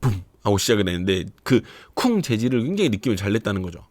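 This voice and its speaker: A man in his thirties talks viewers through dance performances in a casual, explanatory way. His voice sits slightly low and he speaks at a brisk clip. He addresses the audience directly, like a trainer breaking down moves. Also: sing-song, over music. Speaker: dance trainer reviewing a show. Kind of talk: casual video commentary.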